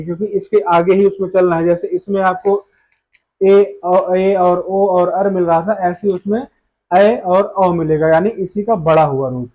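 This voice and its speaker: Guy with a pretty high voice walking through a grammar class, keeps asking and answering himself. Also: darkish tone, highs cut off. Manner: explains step by step, asks and answers his own questions. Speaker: Hindi grammar teacher. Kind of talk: online grammar lesson.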